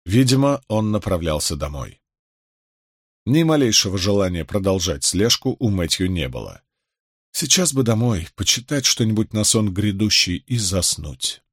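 A man's voice: fairly low pitch, husky, no echo, studio quality. Man narrating an audiobook expressively. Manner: expressive, dramatic reading. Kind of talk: scripted literary narration.

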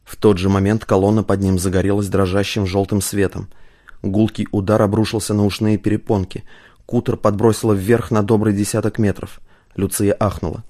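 A man narrating an audiobook in a steady, measured reading style. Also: fairly low pitch.

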